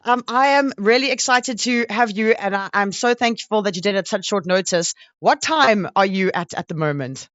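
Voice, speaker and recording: A South African woman hosts a conversational interview, chatting with her guest in an informal, effusive way, as on radio or a show. Her mid-range, slightly bright voice keeps a moderate pace with few pauses, and the audio is dull but free of echo.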